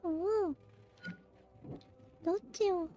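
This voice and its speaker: A woman giving casual game commentary, musing aloud in short, soft phrases. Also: very high voice, unhurried, faint music behind. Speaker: game streamer.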